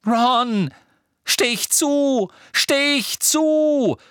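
A man voicing a desperate teenage boy wizard who shouts harsh commands. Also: very high voice, animated, extremely slow, smooth, no room sound, studio quality, voice pushed up, heavily acted. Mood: urgent shouting.

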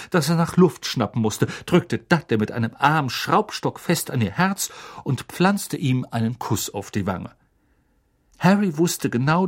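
A man narrating an audiobook in a lively, expressive storytelling manner. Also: on the high side. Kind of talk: scripted narration.

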